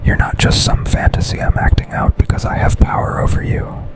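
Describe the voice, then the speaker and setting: A man voices an intense office boss, possessive yet gentle, in a hushed, intimate ASMR boyfriend scenario. Staying close to his everyday voice, he breathes out short, deliberate lines that feel tender and confessional.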